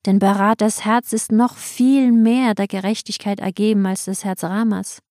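A woman narrating an epic tale in a measured audiobook reading. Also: medium pitch, fairly even intonation, dark tone, dry recording, clean studio sound.

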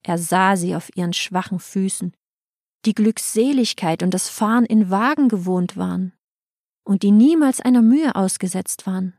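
A woman narrating an old epic as an audiobook in a solemn, measured storytelling manner. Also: mid-range voice, darkish tone, dry recording, clean studio sound.

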